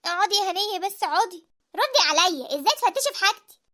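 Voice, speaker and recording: A woman voicing Sara, a lively and emotional young village woman in an animated drama, with an Egyptian accent. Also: very high voice, very fast, no room sound, studio quality, exaggerated voice. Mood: heartfelt. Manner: animated, expressive. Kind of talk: cartoon voice acting.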